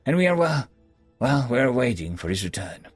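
A man's voice: medium pitch, sing-song, normal speed, husky, no room sound, faint music behind. A man voicing a roguish, charming male halfling in a story, chatty and gallant with small hesitations. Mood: gallant, sly.

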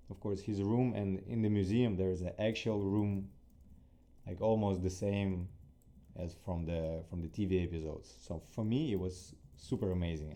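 Low, dark-voiced man with Ukrainian accent. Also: vocal fry. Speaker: interview guest, athlete. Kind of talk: casual conversational interview answers.

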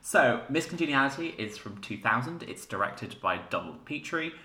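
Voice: mid-range voice, expressive, normal speed, echoey room, over loud music. A co-host leading a casual film chat, enthusiastic, with stumbling restarts. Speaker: podcast co-host.

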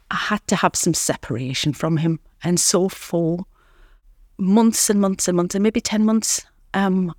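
A woman's voice: on the low side, no room sound, studio quality. A woman guest on a podcast, telling her recovery story earnestly and reflectively, often repeating words and saying "you know". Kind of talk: candid recovery interview.

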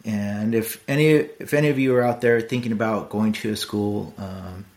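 A man's voice: fairly low pitch, fairly even intonation, normal speed, darkish tone. A middle-aged man hosting a podcast, talking in a blunt, rambling and earnest casual monologue. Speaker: podcast host.

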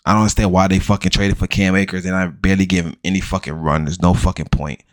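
Deep-voiced blunt fantasy football host. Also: male voice, level tone, fast talker. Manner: blunt, profane, rattles off stats, mocking hype. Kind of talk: casual profane sports chat.

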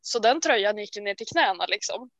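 A woman co-hosting a casual chat, talking in a chatty, self-deprecating way full of quick restarts. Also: medium pitch, expressive, fairly bright tone, dry recording, muffled recording. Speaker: podcast co-host. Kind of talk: casual chat about knitting.

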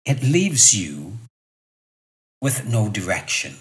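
Taking it slowly, a man in his fifties with a fairly low, very animated voice hosts a solo motivational podcast as a fitness coach. He speaks in a conversational, emphatic way, posing rhetorical questions and repeating what matters most.

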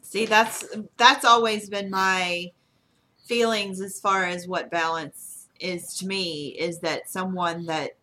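A woman's voice: fairly low pitch, steady tone, slow, bright, forceful tone, slight background noise. A woman talking thoughtfully on a casual fan podcast. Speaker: podcast guest or co-host.

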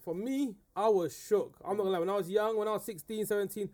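A man's voice: sits high, steady tone, fast, a little mellow. A man in his twenties with a London roadman accent, chatting casually in heavy street slang, emphatic, swearing and repeating himself. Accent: London roadman, urban street. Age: 20s.

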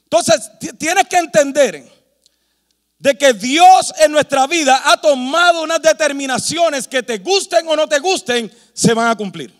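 A man's voice: extremely high pitch, measured pace, big-room sound. A man preaching a sermon with emphasis, rhetorical questions and humorous asides. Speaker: pastor.

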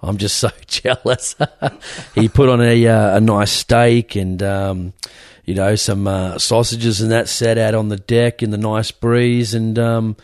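A man's voice: lowish voice, flat delivery, unhurried, a little mellow, no room sound, clean studio sound. An Australian man hosting a podcast, chatting casually in a blokey, matey, rambling way. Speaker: podcast host. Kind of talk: casual interview chat.

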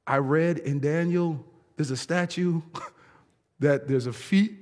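Emphatic preacher man in a big hall. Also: on the high side. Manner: lively, emphatic, laughs often mid-sentence. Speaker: pastor. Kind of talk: sermon. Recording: long hall reverb.

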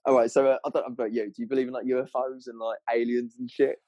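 A man's voice: mid-range voice, level tone, fast talker, mellow, no echo, dull audio. A man with a southern English accent telling anecdotes in casual, sweary, slangy chat, rambling along in a matey way.

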